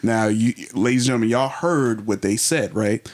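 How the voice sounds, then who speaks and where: A playful male podcast host who jokes and teases his co-host. His voice sits at a middle pitch for a man, and he keeps the banter lively and loose. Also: normal speed. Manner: playful, teasing, animated banter. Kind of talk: casual podcast chat.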